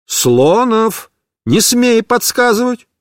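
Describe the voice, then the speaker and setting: A man's voice: high voice, big pitch swings, measured pace, no echo, studio quality, voice pushed up. A man reading a story aloud and voicing a stern, irritable woman schoolteacher who scolds and insists on answers. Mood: shouting.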